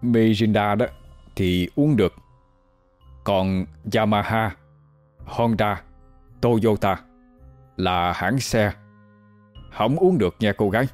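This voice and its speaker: A man's voice: lowish voice, animated, moderate pace, darkish tone, faint music behind, close to an everyday voice. A man doing a playful foreign stranger. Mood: teasing. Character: friendly foreign man, playful, odd accent.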